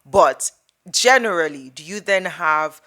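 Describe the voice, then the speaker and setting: A woman with a low-pitched voice hosts a relaxed interview. She asks curious follow-up questions and openly shows her appreciation. She often stumbles over and restarts her phrasing as she works out what to ask. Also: measured pace. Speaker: podcast host. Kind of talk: casual interview conversation.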